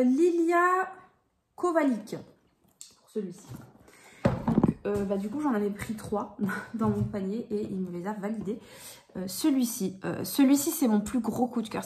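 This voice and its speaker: A woman's voice: a little high, darkish tone, reverberant. A woman in her thirties chatting casually and enthusiastically as she shows a haul on her vlog, with many fillers. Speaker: puzzle vlogger.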